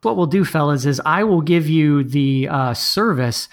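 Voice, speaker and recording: A man's voice: fairly high pitch, lively intonation, unhurried. A man hosting a comedy podcast, giving prompts like a teasing, dry quizmaster in casual banter. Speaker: host running comedy game rounds.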